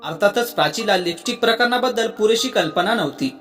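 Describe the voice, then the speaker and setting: Narrator for scripted storytelling, steady and even, over soft background music. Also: medium pitch, fast.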